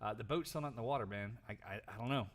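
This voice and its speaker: A man's voice: on the low side, rapid-fire. A man hosting a podcast in casual chat, playful and rambling, laughing often. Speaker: podcast host. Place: lives in Florida.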